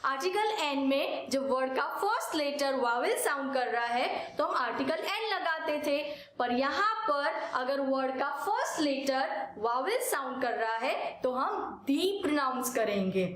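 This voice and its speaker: A woman with an Indian accent teaching English grammar, slowly drilling examples and answering her own questions. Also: high-pitched, lively intonation, fairly bright tone, a little hiss or hum. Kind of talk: classroom grammar lesson. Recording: very echoey room.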